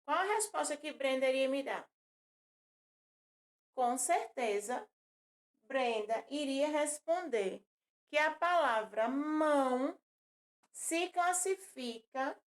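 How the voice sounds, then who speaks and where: Slow, patient high-voiced woman teacher. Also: expressive. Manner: slow, patient, repeats words and counts syllables aloud. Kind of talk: recorded classroom lesson for children.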